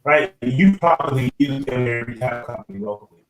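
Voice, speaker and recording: A man co-hosting a casual podcast chat over an online call whose audio keeps cutting out, checking whether he is still coming through clearly. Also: mid-range voice, a little fast. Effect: choppy online call audio cutting out. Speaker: podcast co-host. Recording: echoey remote stream connection.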